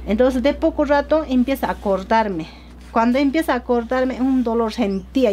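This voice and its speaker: A woman from Peru, giving a halting, earnest documentary testimony with many repetitions. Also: fairly high pitch, dark tone, slight background noise. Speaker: interviewee.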